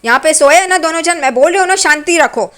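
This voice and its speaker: An angry, tired young wife snapping sharp reprimands, voiced by a woman recapping the story. Her voice sits high and firm. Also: fast. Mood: scolding. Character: angry weary young wife, scolding in hushed tones.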